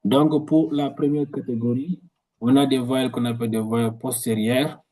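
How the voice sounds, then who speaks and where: A man teaching a language in a video lesson, explaining slowly and repeating words, often restarting his sentences. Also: mid-range voice, steady tone, dark tone, low-quality recording. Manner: slow, repetitive explanations with frequent restarts.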